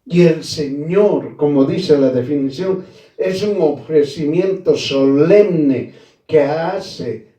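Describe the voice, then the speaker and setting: A man preaching a sermon at a very slow pace, his fairly high voice rising and falling. His tone is dark and mellow, and he leans on repeated phrases. He sounds a little far from the mic in a roomy, echoing space. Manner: addresses listeners as brother.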